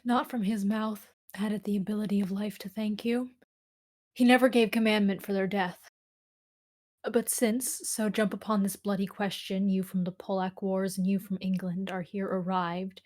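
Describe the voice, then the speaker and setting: A woman playing a prince's loyal, grieving friend in a verse drama, earnest and measured. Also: mid-range voice, darkish tone, lightly acted. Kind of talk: amateur read-through of Shakespeare verse drama.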